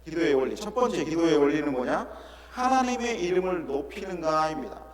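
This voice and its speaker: A middle-aged male pastor preaching an earnest sermon, often asking rhetorical questions and dropping into softer asides. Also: on the high side, very animated, a little fast. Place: church sanctuary. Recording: echoey church hall with congregation.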